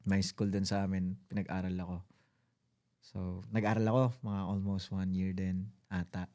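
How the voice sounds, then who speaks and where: A young man from the Philippines with a deep voice, telling his life story as a guest in a casual interview, rambling with fillers and quoted dialogue. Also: little pitch movement, normal speed, mellow. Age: young adult.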